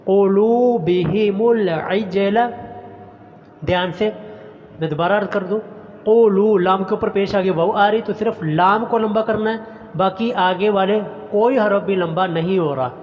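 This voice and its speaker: A male Quran teacher recites each word slowly and drawn out, then explains its pronunciation briskly. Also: high-pitched, big-room sound, lo-fi sound. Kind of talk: recitation lesson.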